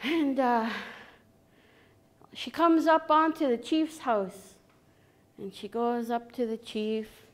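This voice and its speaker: A woman storyteller relating a traditional tale live to an audience. Her voice sits high and her pace is slow and unhurried, and she acts out the characters with sighs and knocking sounds. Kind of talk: live oral storytelling lecture.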